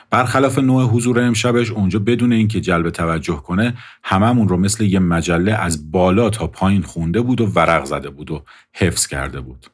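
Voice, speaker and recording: A man calmly narrating a scripted first-person story in a measured way. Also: low-pitched, husky.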